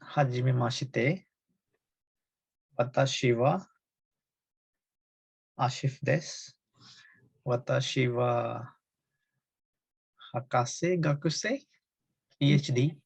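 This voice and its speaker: Slow, gravelly man in a dry room. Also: mid-range voice, no echo. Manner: slow, careful, halting. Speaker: PhD student.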